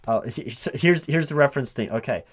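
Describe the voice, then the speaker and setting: This is a spoken, not whispered, ASMR roleplay in which a man with a mid-range voice acts as a recruiting manager interviewing a gamer. Talking to a silent partner, he sounds casual and halting, like he's thinking through things as he goes.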